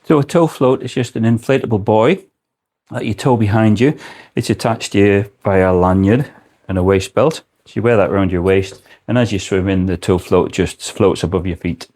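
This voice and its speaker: A man's voice: fairly low pitch, normal speed, a little mellow. A man giving an informal product explanation as a presenter, speaking indoors in a shop.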